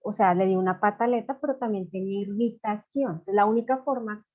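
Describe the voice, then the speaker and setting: A woman's voice: medium pitch, brisk, dull audio. A woman teaching parents in an informal online masterclass, talking loosely with many fillers. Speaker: parenting educator.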